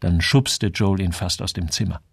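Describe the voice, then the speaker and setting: A man reading a story aloud with expressive storytelling narration. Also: deep voice, normal speed, creaky, breathy edge, no echo, studio quality. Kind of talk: scripted narration.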